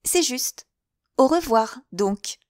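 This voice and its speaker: Female reader playing a bold, lively young woman for an audiobook; brighter and higher than her narration, quick and eager. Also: no room sound, studio quality. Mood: cheerful. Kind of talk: audiobook dialogue.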